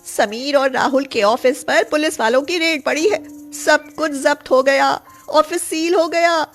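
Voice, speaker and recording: A woman playing a shrill panicked sister. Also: measured pace, soft background music. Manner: shrill, wailing. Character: panicked rich sister losing everything. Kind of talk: storybook voice acting.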